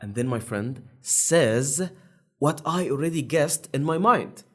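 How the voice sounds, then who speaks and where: A man's voice: a little high, expressive, takes it slowly, faint music behind. A young man hosting his own channel, explaining in a casual, rambling monologue with many fillers and restarts. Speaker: YouTube channel host.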